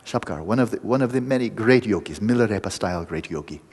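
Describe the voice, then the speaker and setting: A man giving a meditation talk to a group, explaining in vivid images with pauses and restarts. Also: lowish voice, lively intonation, darkish tone, breathy edge, long reverb tail. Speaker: meditation teacher. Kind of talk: dharma talk to a retreat group.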